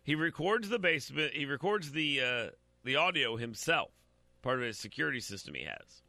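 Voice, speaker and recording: A man with a mid-range, sing-song voice reads out a news story at a moderate pace, adding blunt, opinionated commentary aimed straight at his audience. His delivery is pushed and bright, and he stumbles over repeated words. There's no echo.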